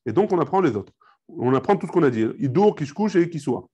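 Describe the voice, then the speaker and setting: A man's voice: on the high side, sing-song, a little fast, mellow, slightly rough, muffled recording. A rabbi teaching a live Talmud class, explaining step by step, mixing in Hebrew and Aramaic terms and checking with his students.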